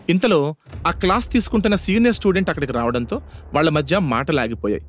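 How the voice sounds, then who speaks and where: A man narrating a scripted audio story in a dramatic storytelling manner. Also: fairly high pitch.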